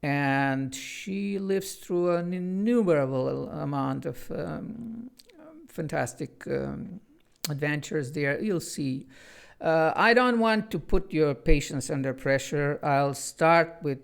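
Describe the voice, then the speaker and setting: A Bulgarian man with a Bulgarian accent chats earnestly in an intro and then reads his own children's book aloud. His voice is on the high side and creaky yet clean in tone, with lively intonation at a slow pace.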